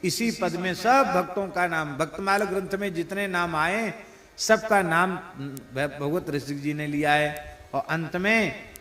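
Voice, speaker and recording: A man giving a devotional sermon, slowly singing verses and explaining them with playful examples. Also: high voice, pushed and bright, a little hiss or hum. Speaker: spiritual preacher. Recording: roomy echoing hall.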